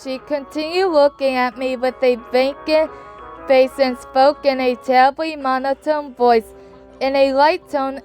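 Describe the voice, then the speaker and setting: A woman with a high voice reads a novel aloud in steady first-person narration. Faint game music plays behind her, and her delivery stays even and storybook-like. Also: rough recording.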